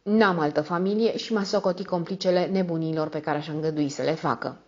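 The notary, read out by a woman is stern and cold, his lines dry and mock-modest, with just a faint lift over her usual tone. the whole reading comes through a dull, lo-fi recording. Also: deep voice. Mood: ironic. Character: cold, ironic male notary, middle-aged, stern.

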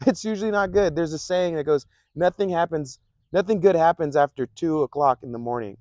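A man's voice: fairly high pitch, normal speed, mellow, dry recording. A man preaching a casual, conversational sermon, often repeating himself and chuckling between points. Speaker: pastor.

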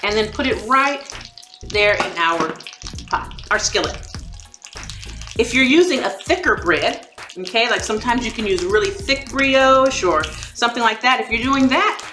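Lively, bright-voiced woman cooking on camera. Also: a little high. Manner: chatty, encouraging, laughs between steps. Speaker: cooking show host. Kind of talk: cooking demonstration. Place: home kitchen, indoors. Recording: echoey kitchen with soft background music.

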